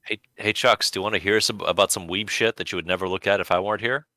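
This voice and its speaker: A man's voice: sits low, steady tone, fast talker, bright, forceful tone, no echo. A man co-hosting a podcast in casual chat, with dry, sardonic humor. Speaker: podcast co-host.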